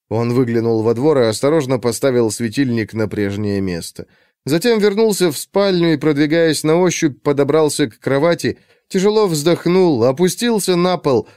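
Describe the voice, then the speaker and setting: A man narrates an audiobook in a measured, suspenseful way. His voice sits at an ordinary middle pitch. The sound is dry and close to the mic. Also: darkish tone, clean tone, no echo. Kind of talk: scripted narration.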